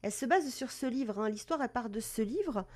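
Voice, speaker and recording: On her live stream about cat breed history, this woman talks casually and chattily, greeting viewers amid plenty of fillers and self-corrections. She speaks fairly quickly, with a high-leaning, lively, somewhat dark voice.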